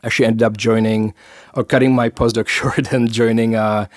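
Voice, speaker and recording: A middle-aged Czech biotech founder explains science in a podcast interview, his Czech accent audible. His mid-range voice is flat and moves at normal speed, full of fillers and restarts.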